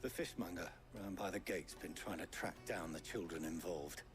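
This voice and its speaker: An actor playing a gruff, streetwise shopkeeper in a video game, blunt and knowing in manner. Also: male voice, low-pitched, moderate pace, close to an everyday voice. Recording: game audio with music underneath. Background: game music.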